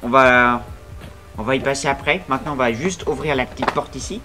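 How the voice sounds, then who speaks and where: A young man talking casually through an unboxing on his vlog, chatty and full of fillers, breaking into excited outbursts now and then. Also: mid-range voice, brisk, over loud music. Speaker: vlogger.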